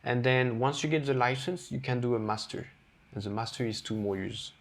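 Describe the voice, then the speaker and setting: A man with a French accent talks as a chef guest on an interview show. He tells his stories candidly and with energy, and he acts out the quoted lines in them. His voice sits at an ordinary male pitch. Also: fairly quick. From France. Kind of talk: casual storytelling interview.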